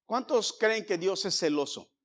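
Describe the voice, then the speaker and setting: A male pastor preaching a sermon, swinging from loud emphasis to hushed whispers and speaking straight to the congregation. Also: high voice, lively intonation, a little slow. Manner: addresses the congregation directly, asking for amens.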